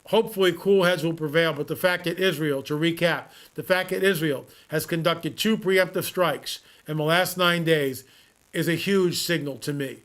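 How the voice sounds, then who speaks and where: A man's voice: steady tone, moderate pace, fairly bright tone. A man hosting a talk radio show, talking earnestly and repeating his points for emphasis. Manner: earnest, repetitive, emphatic pitch. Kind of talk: talk radio monologue and live ad read.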